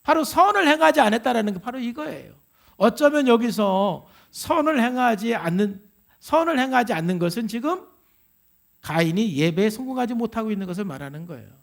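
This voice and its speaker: A male pastor preaches with emphasis, turning often to the congregation. His voice is high and animated, with a gravelly edge. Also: fairly quick. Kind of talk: sermon.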